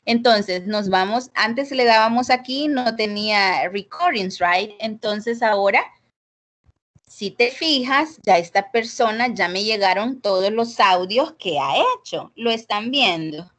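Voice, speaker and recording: Speaking a little slowly in a mid-range, somewhat bright voice, a woman explains grading during a casual online English class. She's talkative and full of fillers, checking in with students over a video call on her computer mic.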